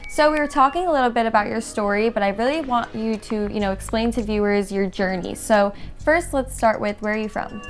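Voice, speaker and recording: A woman's voice: fairly high pitch, brisk, few pauses. A woman hosting a podcast, giving a polished upbeat intro and asking interview questions. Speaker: podcast host. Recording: faint music bed.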